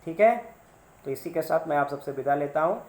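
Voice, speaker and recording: A man's voice: a little high, expressive, fairly quick. Patient male grammar teacher, echoey room. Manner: patient, repeats examples and asks rhetorical questions. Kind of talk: grammar lesson video. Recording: roomy echo.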